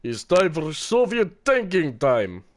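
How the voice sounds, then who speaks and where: This is a male game streamer chatting casually over his match. His pitch jumps around in a lively, animated way and sits slightly high. He rambles, repeats his words and laughs often. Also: slow. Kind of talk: casual gameplay commentary.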